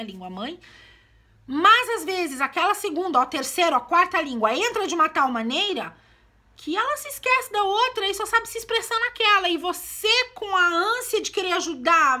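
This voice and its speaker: A woman's voice: very high voice, sharp tone. A woman vlogging about her children, talking chattily to her viewers and explaining things. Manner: chatty, explaining, often addresses viewers with "né" and "gente". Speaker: vlogger, mother of two. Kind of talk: casual talk to camera.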